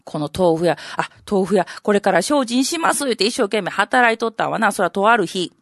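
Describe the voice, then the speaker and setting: A woman's voice: mid-range voice, lively intonation, brisk, dry recording, clean studio sound. A woman with a Kansai accent voicing a condescending older know-it-all in rakugo, bluffing his way through a story. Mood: storytelling.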